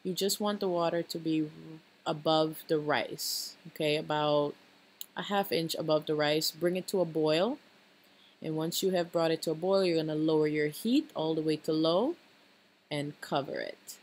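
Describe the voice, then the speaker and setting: A woman's voice: low voice, normal speed, a little mellow. A woman hosting a cooking channel, talking through a recipe step by step and often checking in with "okay?". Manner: instructive, repeats tips with a checking "okay?". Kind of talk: cooking tutorial voice-over.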